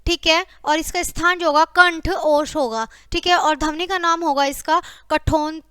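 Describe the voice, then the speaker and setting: Bright high-voiced woman teacher. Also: steady tone, normal speed, no echo, studio quality. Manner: repeats "ठीक है" and addresses "बच्चों" constantly; lists example words one by one. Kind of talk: classroom grammar lecture.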